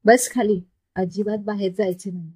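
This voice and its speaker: Woman doing a quick-tempered young woman, scolding, caring, storybook figure, dry close sound. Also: medium pitch, fairly even intonation, slightly rough, no room sound, close to an everyday voice. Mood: angry. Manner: scolding, sharp, raised voice.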